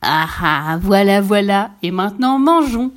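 A woman voicing a greedy, mean male dog in a children's storybook, with a slow, gloating delivery. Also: medium pitch, expressive, natural voice.

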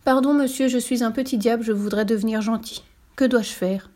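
Woman voicing a timid little devil, high and pleading. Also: steady tone, fairly quick, darkish tone, close to an everyday voice. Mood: earnest. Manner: meek, pleading, eager to please.

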